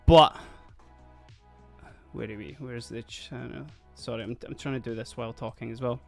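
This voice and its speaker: A Dundee streamer with a Scottish accent rambles casually on a livestream, laughing often and doing other things as he talks. His mid-range voice is gravelly, with fairly even intonation and a moderate pace. Faint music plays in the background.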